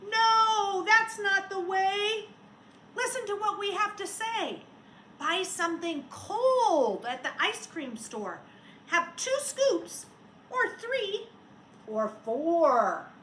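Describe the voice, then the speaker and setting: Casting: a woman doing excitable, kind children in a storybook, emphatic and animated, heard in an echoey room. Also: extremely high pitch, slow pace, voice pushed up, full character voice. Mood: urgent pleading. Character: kind, eager, excitable group of young children. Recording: roomy echo, faint background noise.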